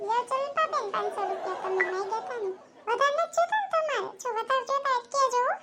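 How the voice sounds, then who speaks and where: A woman's voice: very high-pitched, a loud crowd, heavy background noise. A woman voicing a chatty, boastful village housewife in a cartoon, with a Kathiawadi Gujarati accent. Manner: chatty, boastful, quick-tongued. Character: gossipy village housewife who lends money.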